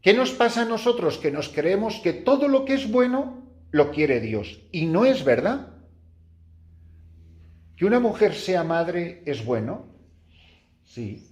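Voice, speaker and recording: A middle-aged man with a Spanish accent, preaching a retreat meditation to nuns. His voice sits fairly high and swoops wildly, leaping up as he acts out his own story before dropping low and quiet. He talks like an animated storyteller. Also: slow, pauses often. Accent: Spain Spanish. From Spain. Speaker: priest giving a retreat meditation. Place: room with a small group of nuns.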